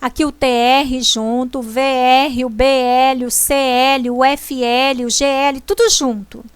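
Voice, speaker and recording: A woman teacher, explaining a grammar lesson slowly and deliberately, stressing syllables as she goes. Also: sits high, little pitch movement, smooth, dry recording. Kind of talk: slow classroom explanation.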